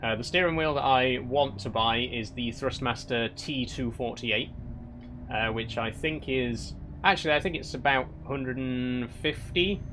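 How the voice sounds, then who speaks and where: Reading viewer comments aloud on his live stream, a young man from Yorkshire speaks unhurriedly in a medium-pitched voice with his local accent. He's chatty, restarts often, and teases with a light, wry touch, while the background is noisy.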